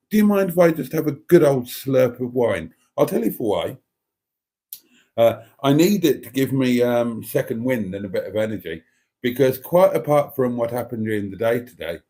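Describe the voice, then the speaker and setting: A man's voice: mid-range voice, sing-song, moderate pace, mellow, slightly rough. A British man hosting a casual livestream chat, effusive and camp, rambling theatrically to his listeners with playful endearments. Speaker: live show host.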